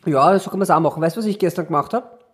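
A man's voice: a little high, racing, slightly rough. A man hosting a casual podcast chat, joking and laughing often. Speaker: podcast host.

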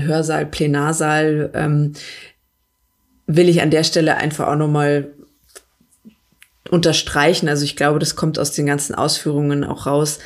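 A woman talking earnestly on a podcast about her work in politics, pausing often with fillers and restarting her sentences. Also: low voice, a little mellow. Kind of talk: casual podcast chat.

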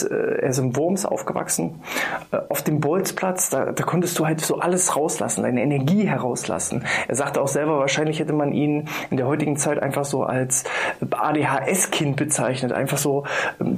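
A man hosting a podcast and speaking casually in a monologue, enthusiastic and encouraging, with frequent ums and restarts. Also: a little high. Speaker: podcast host.

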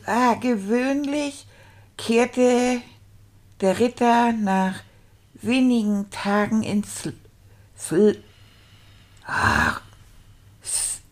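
A woman's voice: medium pitch, a little mellow, full character voice. A woman doing an eager childlike reader. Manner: stumbling, sounding out hard words syllable by syllable. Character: eager childlike male character learning to read. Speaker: storyteller reading aloud. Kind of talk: children's show reading.

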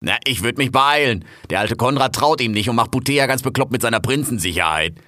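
A man's voice: medium pitch, lively intonation, a little fast, pushed and bright, no echo, studio quality. A man doing a blunt, busy foreman. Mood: brusque. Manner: brusque, casual colloquial orders.

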